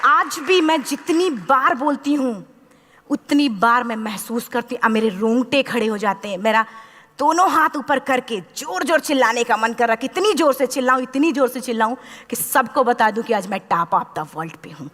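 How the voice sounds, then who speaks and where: A woman in her thirties tells her story to a live audience in a large hall, her slightly high voice trailing off in a long reverb. She speaks with passion and briefly acts out each quoted exchange. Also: expressive, normal speed, a bit bright. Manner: impassioned storytelling, acting out quoted dialogue. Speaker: motivational speaker. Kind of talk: motivational speech to a live audience.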